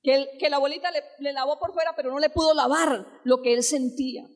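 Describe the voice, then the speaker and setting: Woman pastor, high voice, sermon storytelling, fervent. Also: steady tone, fast. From Colombia. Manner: storytelling, rising to fervent exclamations; asks the congregation direct questions.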